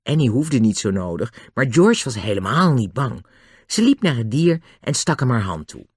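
A narrator reading a children's storybook aloud. The delivery is expressive, with a pitch that rises and falls a great deal. The recording is dry and close. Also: moderate pace, slightly rough, no room sound. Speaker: audiobook narrator.

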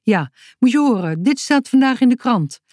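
A woman puts on a bright, eager little girl from a children's storybook, her voice lifted high and carrying. She sounds playful and quick, with a businesslike streak. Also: animated, no room sound, clean studio sound, close to an everyday voice.

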